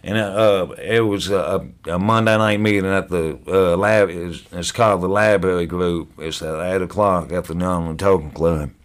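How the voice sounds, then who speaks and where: A man's voice: sits low, steady tone, moderate pace, hardly any pauses. A man speaking as a podcast guest, telling his story in a casual, blunt, profane way and restarting sentences as he goes. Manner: blunt and profane, gets loud when reliving moments; repeats words as he restarts sentences.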